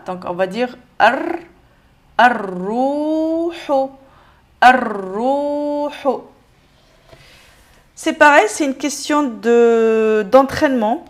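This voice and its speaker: Une femme qui donne un cours de lecture avec patience, en répétant lentement chaque mot. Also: female voice, fairly high pitch. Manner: patient, repeats each word slowly. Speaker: Arabic reading teacher. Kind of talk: step-by-step lesson.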